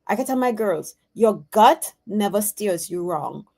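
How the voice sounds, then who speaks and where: A woman's voice: medium pitch, lively intonation, a little slow, vocal fry, darkish tone. A woman in her forties giving an intuitive card reading, talking earnestly and animatedly, often correcting herself mid-sentence. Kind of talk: casual spoken reading.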